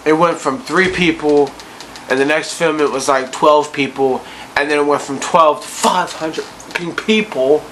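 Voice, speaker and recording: A man's voice: fairly high pitch, fairly bright tone, slight background noise, poor audio. A drunk man giving a casual, rambling, profane rant about movies in a loose, incredulous way. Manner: tipsy, loose, incredulous ranting. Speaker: vlogger ranting about bad movies.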